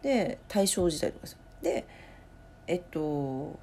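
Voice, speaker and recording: A woman hosts her own late-night talk show from home, rambling and thinking aloud with plenty of pauses. Her voice sits low yet rises and falls a great deal, with a mellow, dark tone. Faint noise runs underneath. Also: sing-song, vocal fry. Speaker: podcast host. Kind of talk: casual late-night solo chat.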